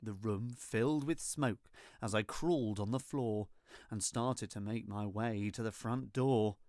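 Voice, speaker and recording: A storyteller reading a rhyming children's storybook in an expressive, theatrical and deliberate way. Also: mid-range voice, no echo, studio quality. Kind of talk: scripted storybook narration in rhyme.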